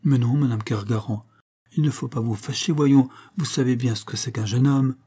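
A man's voice: mid-range voice, moderate pace, dark tone, husky, lightly acted. A man voicing a flustered young male lodger who stammers and pleads.

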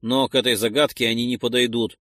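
A man's voice: medium pitch, flat delivery, fast, sharp tone, no room sound, clean studio sound, lightly acted. A man voicing a coarse former farmer who swears and barks at the others. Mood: grumbling. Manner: gruff, swearing, barking. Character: coarse male ex-farmer, foul-mouthed and surly. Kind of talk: audiobook character voice.

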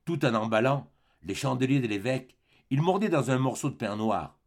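A man reading a classic novel aloud as an audiobook, expressive, dropping low and soft at grave moments. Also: moderate pace. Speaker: audiobook reader. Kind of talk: dramatic audiobook narration.

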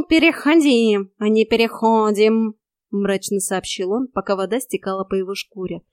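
A woman narrating a first-person fantasy audiobook in a wry, lively way. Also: a little high, no echo, clean studio sound.

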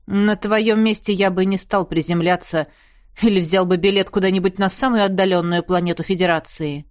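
A woman's voice: medium pitch, steady tone, moderate pace, no room sound, close to an everyday voice. A woman voicing a gloomy male colleague in an audiobook, tense and groaning. He warns bluntly, in a dry close read.

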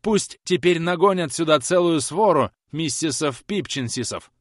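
A man reading an audiobook aloud, voicing a sharp-tongued young housemaid who talks back quickly and defiantly. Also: mid-range voice, lively intonation, no echo, clean studio sound, voice pushed up, close to an everyday voice. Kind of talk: audiobook character voice.

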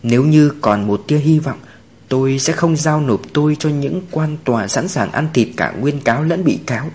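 A man's voice: on the high side, lively intonation, moderate pace, darkish tone, natural voice. A man voicing an aloof man who talks bitterly and dismissively. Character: aloof man, scornful of judges.

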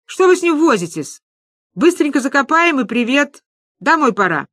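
A woman's voice: high voice, sing-song, normal speed, a bit bright, no room sound, pitched above the performer's own voice. A woman voicing a brusque, impatient old woman, reading a story aloud.

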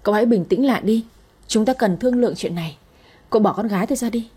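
A woman's voice: medium pitch, fast talker, mellow, breathy edge, close to an everyday voice. A woman voicing a desperate middle-aged father pleading with a gunman and comforting his daughter. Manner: pleading, soothing.

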